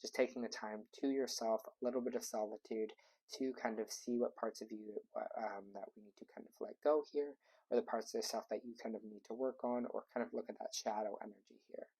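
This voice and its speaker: A man's voice: fairly low pitch, steady tone, fairly quick, dark tone, husky, rough recording. A man giving a casual tarot reading into a wearable mic, talking in a loose, rambling way with lots of ums and likes. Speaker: tarot reader.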